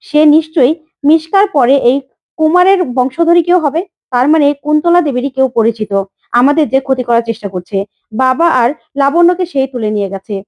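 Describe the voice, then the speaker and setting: A woman voicing a defiant young woman who scolds her elders in sharp retorts, in a retold serial story. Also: high voice, fairly quick, no room sound, natural voice.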